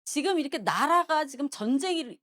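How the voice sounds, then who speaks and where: A woman's voice: sits high, animated, moderate pace, fairly bright tone, voice pushed up. A woman voicing a scornful older brother who berates his younger sibling. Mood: scolding. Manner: scolding, berating.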